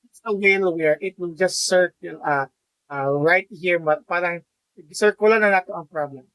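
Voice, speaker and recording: A man with a Filipino accent, a math teacher educator walking students through a software tutorial, explaining step by step with fillers and restarts. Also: sits high, moderate pace, clear, resonant tone, dry recording, poor audio. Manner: explanatory, frequent fillers and restarts, mixes in Tagalog. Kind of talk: screen-recorded software tutorial.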